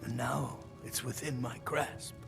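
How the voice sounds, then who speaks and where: A man's voice: medium pitch, steady tone, unhurried, music in the background. An actor voicing a frail, ailing old male elf scholar in a video game, speaking in a weary, dramatic way. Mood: wistful. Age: older. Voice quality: weak, creaky, ailing voice. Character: frail old elven scholar shopkeeper, wistful, obsessed. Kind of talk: video game character acting.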